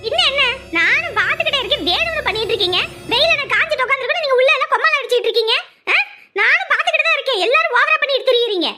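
Actress doing a loud angry young mom, super high-pitched, rapid-fire scolding. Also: female voice, wildly swooping pitch, soft background music, heavily acted. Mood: furious. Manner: shouting, scolding, indignant. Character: fiery young mother, loud and defiant. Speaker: young mother demanding her child back. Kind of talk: family drama acting.

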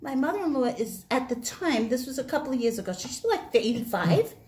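A woman's voice: high voice, sing-song, a little fast, a little mellow. A woman in her sixties hosting a casual chat in her kitchen, telling funny stories with lots of laughter. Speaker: host. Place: home kitchen.

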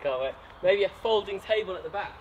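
A man's voice: sits high, animated, fast, muffled recording, crowd noise. A man working on a build outdoors, chipping in brief remarks to his partner. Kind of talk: casual chat while working. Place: outdoors in a forest.

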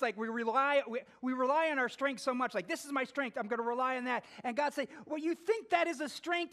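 A middle-aged pastor with a high-sitting voice preaches a sermon in a small church, pacing as he reads scripture aloud and swinging between emphatic and hushed. A distant camera picks him up.

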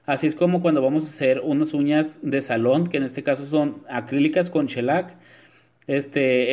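"Chicas" is how this man addresses his viewers as he narrates a nail tutorial in a chatty voice-over, peppered with many "este" fillers. He's a nail technician with a mid-range, slightly mellow voice.

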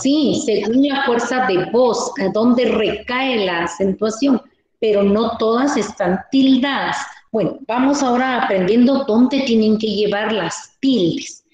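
Slow teacher woman in an echoey room. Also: on the high side, darkish tone. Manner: slow, explaining, asks pupils questions. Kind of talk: online class teaching. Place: video call. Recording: very echoey room with faint noise.

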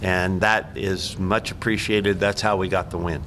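A man's voice: low-pitched, steady tone, unhurried, noisy background. An older man, a head coach, speaking plainly at a post-game press conference and often restarting his sentences. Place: press room, seated at table. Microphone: table mic.

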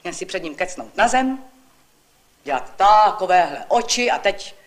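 A fussy, talkative housewife rattles off her grievances in quick, complaining bursts, as a woman reads her part. She sounds busy and indignant, a homely figure in a vintage storybook reading. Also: lowish voice, expressive, natural voice. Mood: chatty.

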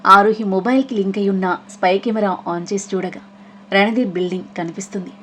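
A woman narrating a story, voicing every character in a soft reading manner. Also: medium pitch, fairly even intonation, fast talker, a little hiss or hum.

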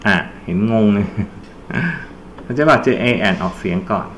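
A man's voice: on the low side, animated, unhurried, fairly bright tone, a little hiss or hum. Male tutor quizzing a class. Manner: explains step by step, quizzing students with prompts. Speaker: English tutor. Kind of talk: exam-prep grammar lesson.

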